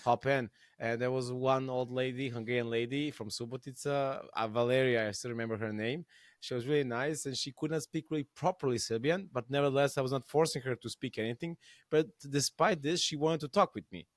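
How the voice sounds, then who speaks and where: Casting: male podcast host, mid pitch, dry close sound, chatty anecdotes with fillers. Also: steady tone, a little fast, dry recording. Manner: hesitant, frequent fillers and laughs. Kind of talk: casual interview chat, storytelling.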